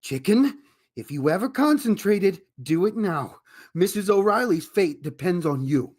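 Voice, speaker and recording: A wisecracking con man, voiced by a woman, in a radio comedy. The voice is pitched low and husky, with an animated, bouncing delivery. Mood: scheming. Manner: smooth, fast-talking, slangy. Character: fast-talking wisecracking man, Al. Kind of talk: amateur radio drama reading.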